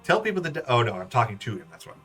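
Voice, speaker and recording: A man reads a video game aloud and chats between lines. His voice is bright and very animated, over faint music. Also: mid-range voice, racing. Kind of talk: playful game read-aloud narration with casual chat.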